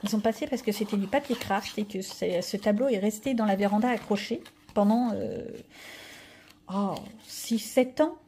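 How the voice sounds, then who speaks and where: A woman's voice: mid-range voice, normal speed, mellow, breathy edge. A middle-aged woman chatting casually in a haul vlog, rambling with fillers and restarts as she shows her purchases. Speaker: coloring channel vlogger.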